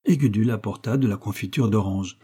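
A man reading a story aloud in a measured, steady narration. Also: on the low side, husky.

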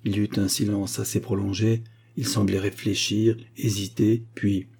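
A man narrating a romance story aloud in a measured storytelling manner. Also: fairly low pitch, level tone, gravelly, a little mellow, a little hiss or hum. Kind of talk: audiobook narration.

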